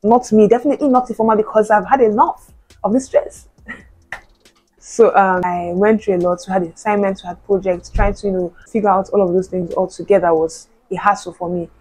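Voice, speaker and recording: A woman's voice: mid-range voice, fairly even intonation, moderate pace, a little mellow, breathy edge, rough recording. A young woman, a university student chatting casually to camera, full of "like" and "you know". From Nigeria. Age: young adult. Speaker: vlogger.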